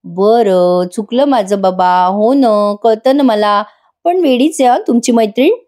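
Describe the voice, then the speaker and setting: A woman's voice: mid-range voice, measured pace, mellow, lightly acted. Sulky playful young wife, read by a woman. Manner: pouting, playful. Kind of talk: reading a character's lines in a TV review.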